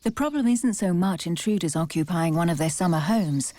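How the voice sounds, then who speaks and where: Mellow woman narrating a wildlife documentary. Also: fairly low pitch, animated, brisk.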